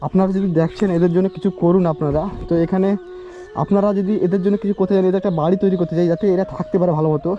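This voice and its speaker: A man's voice: high-pitched, steady tone, racing, muffled recording. A man vlogging from a village, asking poor children question after question, his voice pleading and often breaking with tears. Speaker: vlogger visiting a poor family. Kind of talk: emotional on-the-spot questioning.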